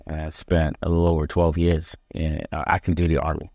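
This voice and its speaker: A man in his forties from Barbados, a police chief answering interview questions in a measured, halting way with many fillers. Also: very deep voice, little pitch movement, mellow, dry recording. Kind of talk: interview conversation.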